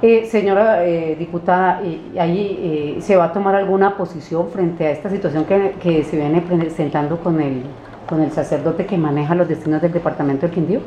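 A woman interviewer asking halting questions with many hesitations. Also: lowish voice, steady tone, warm tone. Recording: dull, roomy, faint noise.

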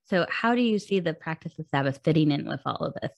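A woman's voice: deep voice, expressive, quick pace, vocal fry, dry recording, dull audio. A woman hosting an interview podcast, asking questions and sharing her own experience in an affirming, conversational way. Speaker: podcast host.

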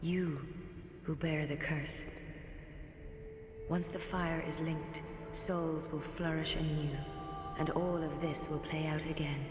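An actress playing a solemn, mysterious female herald in a fantasy game, speaking in slow, measured lines. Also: sits low, level tone. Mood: solemn, foreboding. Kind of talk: scripted fantasy game dialogue. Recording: long echoing reverb, music behind.

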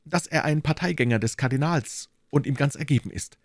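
A man voicing an anxious, fussy middle-aged landlord in an audiobook, in a high, strained, wordy and timid voice. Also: fairly quick, dry recording, studio quality. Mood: fretful. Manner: wordy, timid, eager to please. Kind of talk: audiobook reading.

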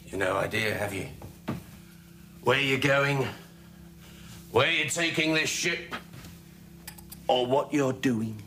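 An actor playing a middle-aged, sarcastic spaceship officer who challenges others scornfully in a television drama. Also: male voice, mid-range voice, takes it slowly, long pauses, bright, forceful tone. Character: burly bearded male officer, sarcastic and scornful. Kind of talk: television science fiction drama acting. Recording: faint hum and noise.

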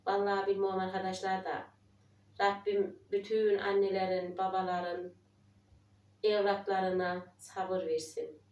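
A woman's voice: mid-range voice, little pitch movement, measured pace, darkish tone, echoey room, far from the mic, dull audio. A woman in her forties, talking emotionally to her viewers in a trembling, prayerful voice. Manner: emotional, tearful, prayerful, quoting others. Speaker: village life vlogger. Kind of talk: emotional casual chat to viewers.

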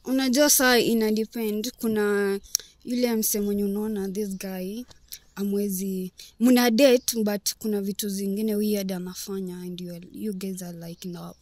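A young woman with a Kenyan accent gives casual interview answers in slang. Her voice is medium in pitch and recorded dry, with an offhand, slightly hesitant manner. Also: steady tone, normal speed, a little mellow, no echo. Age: 20s. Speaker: interview guest. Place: outdoors beside a car and hedge.

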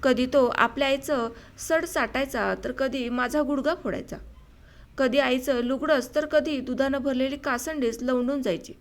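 A woman narrating a short story for an audiobook in a measured, unhurried reading. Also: sits high.

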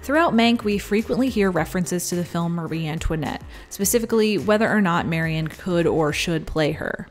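A woman's voice: lowish voice, animated, moderate pace, hardly any pauses, soft background music. A woman narrating a scripted video essay as host, conversational with wry asides.

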